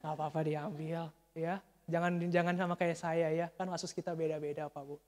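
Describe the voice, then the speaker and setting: A male pastor preaching a sermon, telling a story with lively swings and calling to the congregation as he goes. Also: fairly high pitch, moderate pace. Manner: animated storytelling, addresses congregation as Pak and Bu. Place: church sanctuary. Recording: church hall reverb.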